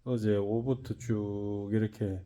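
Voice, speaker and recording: A man's voice: on the low side, level tone, measured pace, dark tone. Tired, rambling Gyeongsang man. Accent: Gyeongsang Korean. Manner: rambling, loose and chatty. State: tired from an all-night job. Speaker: car detailing shop owner. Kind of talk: casual vlog narration.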